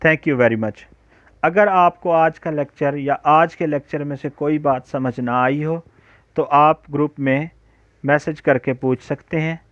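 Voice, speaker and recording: A man lectures at a very slow, careful pace, stretching each example phrase. His voice sits a little high for a man. The lo-fi recording is dry and close, with no room echo. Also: a bit bright. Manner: slow, deliberate, drawn-out example sentences. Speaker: English teacher. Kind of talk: recorded spoken-English lecture. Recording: dull, lo-fi home recording.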